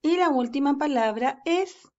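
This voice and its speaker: A woman teacher giving a reading lesson to young children, speaking slowly and patiently and stretching words out syllable by syllable. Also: sits high, lively intonation, warm tone, highs cut off. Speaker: first-grade teacher.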